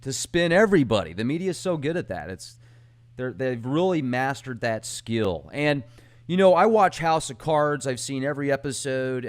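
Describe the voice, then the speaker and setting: A man's voice: mid-range voice, clear, resonant tone. Chatty male podcast host. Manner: chatty, rambling, laughs easily. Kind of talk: casual podcast chat.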